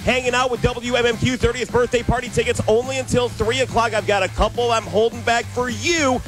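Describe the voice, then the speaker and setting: A man's voice: very high-pitched, steady tone, a little fast, music in the background, rough recording. A man hosting a live radio remote, talking in an upbeat, hard-selling announcer manner. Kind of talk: radio promo patter.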